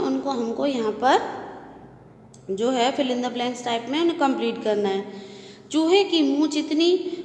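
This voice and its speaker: Casting: woman school teacher, high voice, repetitive checking-in style, long echoey room. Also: slight background noise. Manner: repetitive, checks with "okay?", mixes in English words. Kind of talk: recorded Hindi class lesson.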